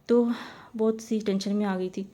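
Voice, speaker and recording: A woman's voice: mid-range voice, fairly even intonation, dark tone. A woman telling a personal story in a casual, rambling way, often repeating her phrases.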